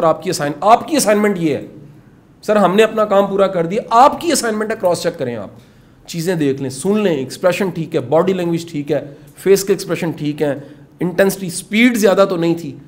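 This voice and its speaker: A man's voice: on the high side, darkish tone. A middle-aged man with a Punjabi accent, talking informally and earnestly to course participants, urging them and dropping in English phrases. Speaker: motivational speaker teaching a course. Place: indoor classroom with participants.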